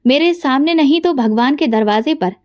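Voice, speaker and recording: A woman's voice: sits high, expressive, moderate pace, darkish tone. A woman voicing a patient widowed mother who speaks firmly and reproachfully. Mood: firm reproach. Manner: firm, reproachful.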